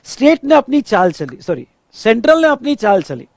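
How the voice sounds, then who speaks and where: Casting note: male lecturer, very high voice, dry close sound, lively and theatrical. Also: no echo. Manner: animated, acts out officials' dialogue; stretches words slowly for emphasis. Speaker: tax lecturer. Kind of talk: classroom lecture.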